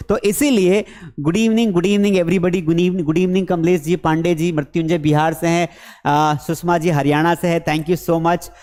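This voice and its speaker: A high-voiced man with a Hindi accent teaches spoken English at a board, playful and lively, and keeps answering his own questions. His voice rings with a long reverb, as if he is recording in a large hall. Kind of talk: classroom lesson with a whiteboard.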